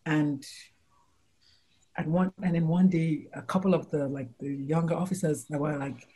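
A woman in her forties or older, a doctor and life coach from the United States, chatting casually in an interview and telling animated stories, with quotes acted out in high exclamations. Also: normal speed. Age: 40s or older.

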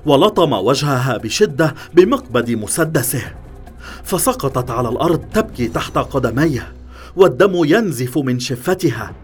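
A man doing expressive narration of a thriller audiobook. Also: mid-range voice.

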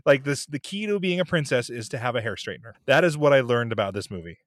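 A man's voice: mid-range voice, fast, no echo, clean studio sound. A man discussing a movie in casual chat, wry and critical, steering the talk with questions. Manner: animated, wry, critical, puts on quoted voices.

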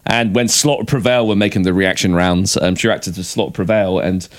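A man's voice: sits low, fairly even intonation, a little fast. A man co-hosting a metal podcast, chatting casually in a rambling way and laughing a lot. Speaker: podcast co-host. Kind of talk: casual chat.

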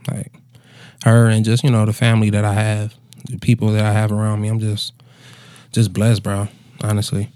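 Laid-back and slangy, a musician in his twenties swears freely while casually telling stories. His lowish, warm voice is delivered completely flat at normal speed with frequent pauses, in a dry, studio-quality recording.

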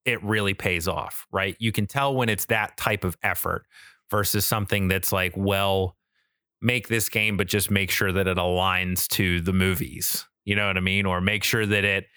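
With a low, clear, resonant voice, this podcast co-host speaks at a moderate pace with a steady, sharp tone in clean studio sound with no room echo. Chatting enthusiastically about games and films, he swears freely and peppers his talk with "like" and frequent "right?" check-ins.

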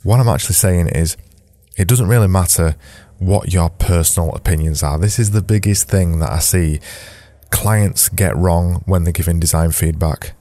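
A man with a very deep, mellow voice hosts his own podcast, sounding a little nasal from a blocked nose. He talks loosely and conversationally, restarting his sentences, in a dry, close recording. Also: moderate pace, no room sound. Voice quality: slightly nasal. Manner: rambling, self-correcting, conversational. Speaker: podcast host. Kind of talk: solo podcast talk.

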